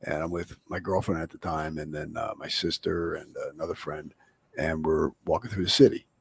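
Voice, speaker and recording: A man's voice: very deep voice, steady tone, brisk, gravelly, slight background noise. A man talking as a guest in a casual chat, telling a story in a rambling way full of fillers. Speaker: guest, former bouncer and bodyguard.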